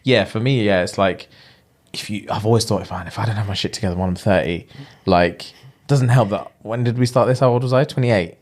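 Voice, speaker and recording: A man, co-hosting a casual podcast and telling stories in an animated, slangy, jokey way. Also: on the low side, fairly quick. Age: late 20s. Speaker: podcast co-host. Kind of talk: casual chat.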